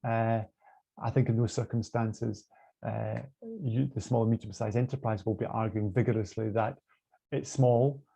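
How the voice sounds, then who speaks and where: A man's voice: fairly low pitch, steady tone, normal speed, gravelly, dark tone. A man with a Scottish accent giving an online lecture on law, hesitant, with many fillers and restarts, heard over a muffled video call.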